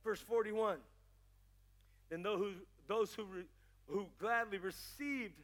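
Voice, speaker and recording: A middle-aged man pastor preaching a sermon in a church, building to shouts and calls for the crowd to answer. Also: very high voice. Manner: preaching with rising shouts and call-and-response. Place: church sanctuary.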